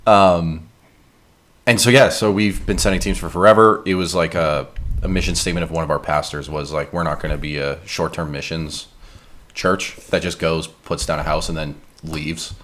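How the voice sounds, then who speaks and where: A young man co-hosting a casual podcast, telling a story in a relaxed way with many pauses and ums. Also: very deep voice. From Canada. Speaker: podcast co-host. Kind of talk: casual chat.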